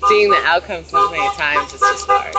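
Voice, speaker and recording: An American woman talks casually as a citizen journalist on a livestream. She speaks at a middle pitch, moving between interview questions and commentary. She is outdoors, recording on a handheld phone. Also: huge pitch swings, moderate pace, over a noisy crowd. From United States, Los Angeles. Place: outdoors at night by a busy street memorial. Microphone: handheld phone, behind the camera.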